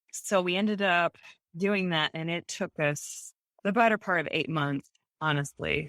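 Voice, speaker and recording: A woman guest in an interview, telling her story in a casual, animated way, acting out what people said and laughing often. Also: low-pitched, no room sound. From United States. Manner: animated, acts out voices in anecdotes, laughs often. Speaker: guest, home bakery owner.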